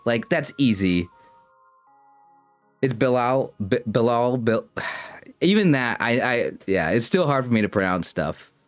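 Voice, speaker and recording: A young man chats loosely with his stream viewers, wandering through his thoughts and tripping over half-started sentences in a self-conscious way. His voice sits at an ordinary middle pitch. Faint music plays underneath. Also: very animated, measured pace, no echo. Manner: rambling, self-conscious, stumbling over restarts. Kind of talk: casual livestream chat with viewers.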